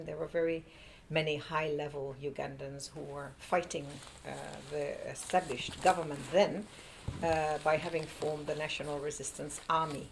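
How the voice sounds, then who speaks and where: A woman's voice: low-pitched, vocal fry, a little hiss or hum, poor audio. A woman from the Netherlands serving as an ambassador, answering interview questions with many hesitant fillers.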